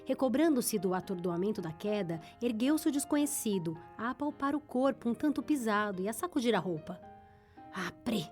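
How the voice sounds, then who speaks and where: Woman audiobook narrator, steady measured delivery, faint music bed. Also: a little high.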